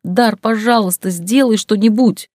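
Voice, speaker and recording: A woman reading an audiobook, voicing a frightened young heroine in a high, tearful, pleading voice. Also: expressive, slow, a little mellow, no room sound, studio quality.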